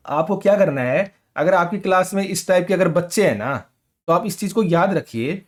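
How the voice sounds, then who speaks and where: High-voiced man teaching in chatty Hindi. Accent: rural North Indian Hindi. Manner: conversational, keeps asking "ठीक है?"; colloquial Hindi mixed with English terms. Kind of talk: exam-prep lecture.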